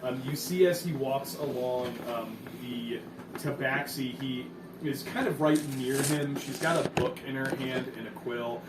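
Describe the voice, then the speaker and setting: A man narrating a tabletop game as game master, in a relaxed way with frequent fillers. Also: mid-range voice, measured pace. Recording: echoey room from far off with noise.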